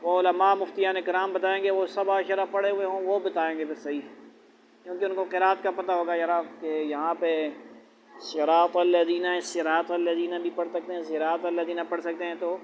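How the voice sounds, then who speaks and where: High-voiced male Quran teacher. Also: level tone. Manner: asks rhetorical questions and repeats letter sounds aloud. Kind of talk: classroom lesson on letter pronunciation. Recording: dull lo-fi with faint noise.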